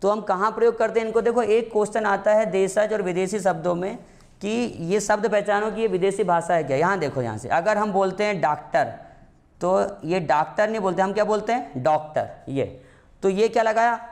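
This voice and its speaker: High-voiced man teaching a grammar lesson. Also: fairly quick. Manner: asks students questions and answers them himself; calls students "beta", repeats key points. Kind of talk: classroom-style exam prep lesson.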